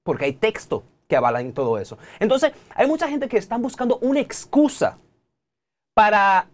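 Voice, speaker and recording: A Dominican man in his thirties, speaking with a Dominican Spanish accent, appears as a technology guest in a TV studio interview. His high-pitched voice moves at normal speed as he talks in an animated, preachy way, repeatedly turning to address the audience directly.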